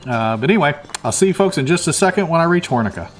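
A man's voice: fairly high pitch, expressive, racing. A man casually commenting on a video game he is playing, thinking aloud with plenty of fillers. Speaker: let's play host.

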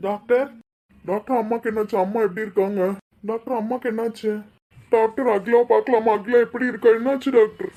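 A woman's voice: a little high, steady tone, fast, narrow, tinny audio, close to an everyday voice. A woman voicing an anxious middle-aged father in a cartoon. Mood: pleading. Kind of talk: cartoon voice acting.

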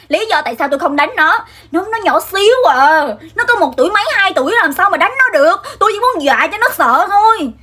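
A young woman, telling a comic childhood story in an animated, dramatic way. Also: high-pitched. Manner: animated and dramatic, acts out scenes. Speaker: vlogger.

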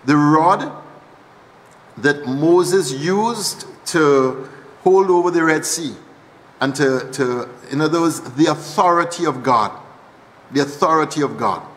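Trinidadian male preacher, slightly high voice, teaching sermon that repeats key lines, long church reverb. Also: takes it slowly, a bit bright. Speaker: archbishop preaching.

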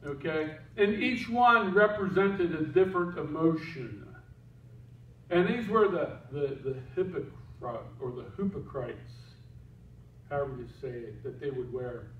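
A man with a high voice preaches a casual, joking sermon. He is heard from across an echoing church sanctuary, and the sound is a little dull. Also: measured pace, distant mic, a little hiss or hum. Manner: casual, joking, with asides to the slide operator. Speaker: pastor.

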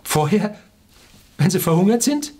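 Sitting in a small furnished room indoors, a video blogger in his sixties from Germany's Ruhr area gives an informal, opinionated explainer to camera, emphatic and full of rhetorical questions. His high-pitched voice is sing-song and a little mellow, at a measured pace.

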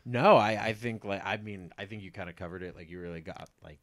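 A man's voice: deep voice, fast, a bit bright. A man co-hosting a podcast, agreeing easily and chatting casually about a film. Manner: laid-back, agreeing, casual swearing. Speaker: podcast co-host. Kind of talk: casual film review chat.

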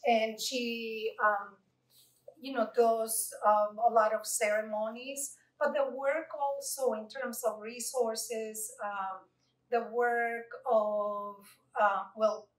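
A woman poet answering audience questions, slow and thoughtful, with many fillers and restarts, standing at a lectern in a library meeting room. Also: on the high side, little pitch movement. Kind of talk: unscripted Q&A at an author talk. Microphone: far room mic. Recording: echoey room recorded from far off.

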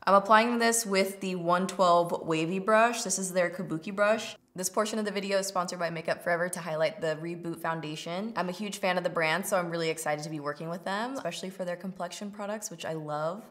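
A woman with a low-pitched voice talks through her makeup routine in casual chit chat. She is informal and chatty, like a beauty host getting ready while she talks. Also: a little fast, hardly any pauses, a bit bright. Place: indoor studio set with plain backdrop.

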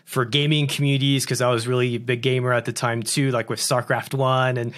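A French guest founder in his thirties tells stories in a casual interview, speaking in animated, quick bursts at medium pitch and acting out quoted dialogue. He sits in a home studio with posters and a lamp, wearing over-ear headphones before a large broadcast mic on a boom arm.

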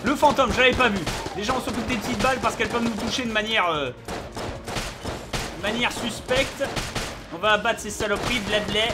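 A let's play host commentates live on his gameplay, excitable, yelping and swearing at what happens, with game music behind him. His voice sits high and brisk, and there's background noise.

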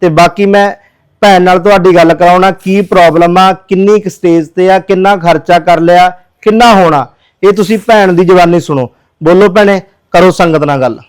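A man's voice: sits high, moderate pace, smooth, poor audio. A man who works as a social worker, pleading earnestly with viewers in a charity appeal video.

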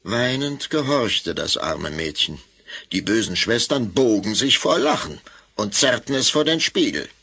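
Guy with doing warm fairy tale telling, really animated, bright forceful voice. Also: fairly low pitch, measured pace, creaky, slight background noise. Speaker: narrator. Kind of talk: fairy tale narration for an audio drama.

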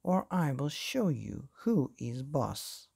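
A man's voice: mid-range voice, very animated, slow pace, vocal fry, a little mellow, slightly rough, exaggerated voice. A man voicing a proud, bossy man in a storybook, blustering and indignant. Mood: defiant. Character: proud, bossy grown man who demands respect.

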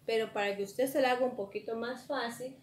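A woman teacher giving a slow, patient classroom lesson and checking in with her students through frequent questions. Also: a little high, fairly even intonation. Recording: echoey room, faint ambience.

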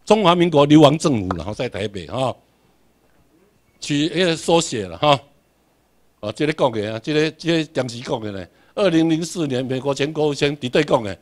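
Slightly fast and animated, a man's higher-pitched voice carries a Taiwanese accent as this Tainan native lectures a class emphatically. He keeps repeating key words for drilling and answers the rhetorical questions he puts.

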